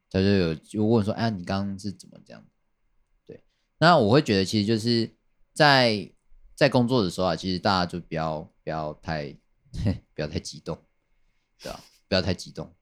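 A man chatting casually on a podcast, rambling and repeating his phrases with many fillers. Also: sits low. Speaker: podcast guest telling a work story.

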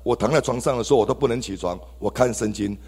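A man's voice: medium pitch, quick pace, a little mellow, breathy edge. A man with a Taiwanese Mandarin accent giving an exclamatory testimony to a church congregation, addressing the listeners directly. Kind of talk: testimony sermon. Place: church hall. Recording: reverberant church hall.

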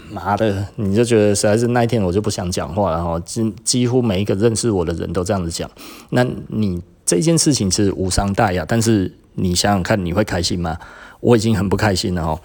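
A man with a Taiwanese Mandarin accent, hosting a podcast and telling a story in a casual, animated way, getting louder and higher when he is indignant. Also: brisk. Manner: animated retelling with frequent sentence-final particles; rises in pitch and volume when indignant. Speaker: podcast host.

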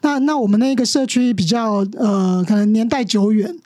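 Guesting on a podcast, a middle-aged teacher with a Taiwanese Mandarin accent tells stories earnestly in an interview, performing the quoted dialogue as she goes. Her warm voice sits on the high side at a moderate pace, recorded in studio quality without echo.

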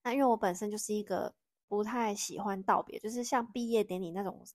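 A woman's voice: mid-range voice, fast talker, darkish tone, dry recording. Reserved Taiwanese young woman, dry sound. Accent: Taiwanese Mandarin. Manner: reserved, speaks plainly. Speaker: guest, host's sister. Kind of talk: casual chat. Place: living room of a home.

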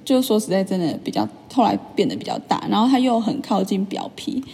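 A young woman chats through a story for her vlog, full of fillers and animated asides. Her voice is mellow and husky with a gravelly edge of fry. A long reverb trails after her words. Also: mid-range voice, fast talker. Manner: chatty, animated retelling with many fillers. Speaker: vlogger. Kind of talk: casual storytelling monologue.

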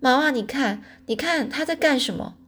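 A woman voicing a little farm girl who shouts in alarm and tattles on her brother. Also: high-pitched, moderate pace, breathy edge, voice pushed up. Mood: alarmed shouting.

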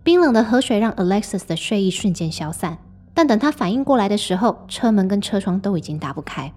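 A woman hosting and narrating a true story in a measured, scripted storytelling manner. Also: medium pitch, sing-song, a little mellow. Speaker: host and narrator.

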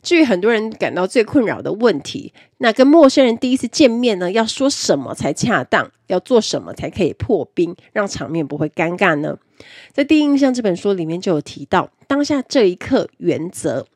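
A woman's voice: mid-range voice, darkish tone, husky, no room sound, clean studio sound. A woman presenting an instructional talk on speaking skills, explaining step by step and stressing key words in her lists. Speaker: self-improvement presenter.

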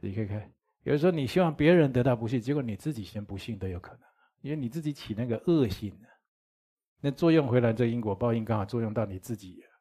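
Man, Buddhist teacher, dharma lecture, mellow dark tone, breathy, chatty with rhetorical questions. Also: medium pitch, fast talker. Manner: conversational, with chuckles and rhetorical questions.

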